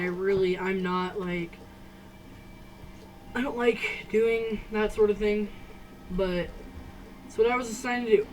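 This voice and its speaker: A teenage girl telling a personal story to camera, halting, with many restarts and fillers. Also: mid-range voice, darkish tone, far from the mic, a little hiss or hum, poor audio. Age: teens. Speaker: vlogger. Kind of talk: casual storytime.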